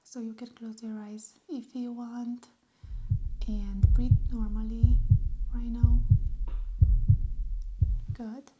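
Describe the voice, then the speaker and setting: A woman whispers through a calm medical exam roleplay. Her voice is soft, breathy and mellow, slightly high, and she moves slowly and reassuringly. A faint hiss sits under the close-mic recording. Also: poor audio. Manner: slow, gentle and reassuring. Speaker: ASMR roleplay nurse.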